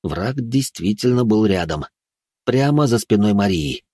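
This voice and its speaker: A man with a low, husky voice narrates a dark story in a hushed, ominous tone. The recording is dry and close, with no room sound. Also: expressive, unhurried, no room sound. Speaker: audiobook narrator.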